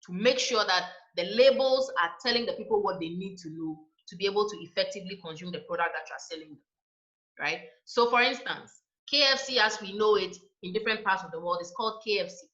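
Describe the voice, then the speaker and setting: A woman lecturer giving a university lecture, explaining points in a measured way and checking in with "right?". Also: mid-range voice, fairly bright tone. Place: lecture room. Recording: echoey room, dull lo-fi sound.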